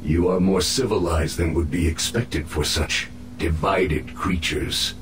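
A man voicing a captive alien infiltrator in a video game, solemn, proud and menacing, with formal, measured speech. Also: deep voice, steady tone, roomy sound, background noise. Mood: grim, resigned. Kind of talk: video game cutscene acting.

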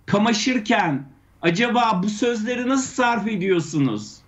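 A man with a fairly high voice gives critical news commentary. He talks haltingly, pausing and restarting, and often turns to rhetorical questions. The sound is a little dull and lo-fi. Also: expressive, fairly bright tone. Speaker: anthropologist guest.

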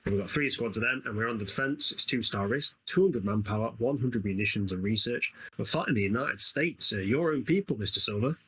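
A man's voice: mid-range voice, fairly quick, hardly any pauses, bright, forceful tone, slight background noise, low-quality recording. An English man with an East Midlands accent, chatting casually and rambling while commentating a co-op game, laughing often. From England. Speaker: gaming channel host.

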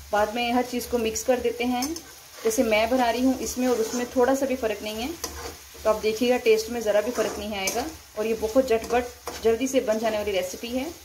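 Higher-voiced woman talking over sizzling frying. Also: background noise. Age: adult, mother of a young son. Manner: calm, explains step by step to viewers. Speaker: cooking vlogger. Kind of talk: home cooking demonstration. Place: home kitchen at the stove. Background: frying and stirring in a wok.

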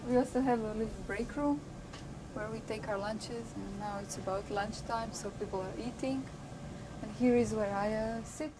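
A woman in her thirties from Croatia with a Croatian accent, a postdoctoral researcher speaking in a measured, thoughtful way with frequent hesitations, recorded on a lapel mic in a small lab office. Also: mid-range voice, noisy background. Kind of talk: documentary interview.

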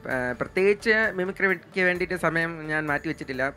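A teenage boy from Kerala, India, a mimicry artist, answers an interviewer's questions in a high, bright, forceful voice at a quick pace. He's hesitant, with many fillers and restarts, his voice sounds a bit blocked, and soft music plays in the background.

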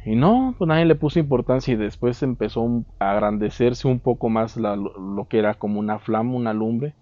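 A man's voice: mid-range voice, a little fast, warm tone, no echo, lo-fi sound. A man with a Mexican accent, casually recounting a memory in an interview with a lapel mic, trailing off between phrases. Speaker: eyewitness interviewee. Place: dark room, seated.

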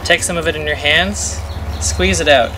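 A man's voice: on the high side, moderate pace, noisy background. A young man, a farm educator, walking through planting steps in a playful, upbeat teaching manner. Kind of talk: instructional demonstration.

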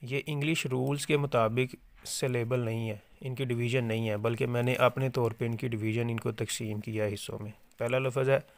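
A man teaching an English spelling lesson, slowly repeating each word and spelling it letter by letter. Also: medium pitch, fairly even intonation, vocal fry. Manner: slow, repetitive dictation, repeating each word several times.

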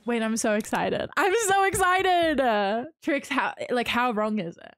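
A young woman streaming a game live from home, bubbly and excitable, greeting her chat and gasping with excitement. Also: on the high side, unhurried, smooth, no echo.

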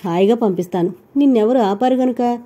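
Woman doing a calm, weary young husband. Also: a little high, brisk, natural voice. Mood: calm smiling. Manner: calm, smiling, tired. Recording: dull lo-fi recording.

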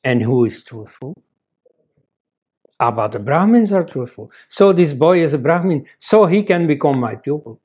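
Slightly high and husky, a little mellow, with lively intonation and a moderate pace, the older Belgian man gives a relaxed lecture-style talk. A native Dutch speaker, he sits at a desk in an office and often says "you see."

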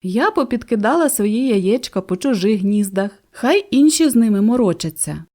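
A woman's voice: on the high side, expressive, moderate pace, warm tone. A woman voicing a carefree, flighty female cuckoo in a storybook, with a sing-song, mocking manner. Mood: teasing.

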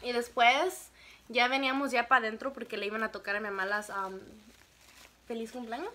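A woman's voice: fairly high pitch, a little fast, slight background noise. A young woman telling a casual storytime, laughing often and acting out what people said. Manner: animated, laughs often, acts out quotes. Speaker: vlogger telling her story.

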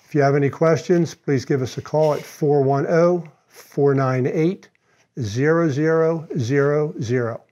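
Man in his 60s, company presenter, scripted product explainer, steady teaching tone, lapel mic, slightly lo-fi. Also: on the high side, measured pace. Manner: steady, instructional delivery. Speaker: company spokesman. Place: studio against a dark backdrop. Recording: slightly dull lo-fi sound.

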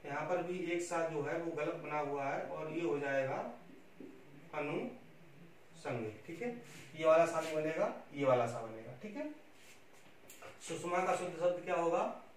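Speaking at a normal speed in a somewhat high voice, this lecturer walks students through Hindi spelling, coaxing and instructing while constantly checking in with "theek hai." Heavy room echo, a far-off mic, and light hiss color the audio.

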